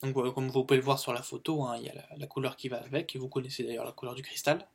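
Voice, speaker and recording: A French-speaking YouTube English teacher gives a casual video lesson on colour words, explaining slowly, repeating each word, and using many fillers. His mid-range voice is gravelly and husky with fairly even intonation.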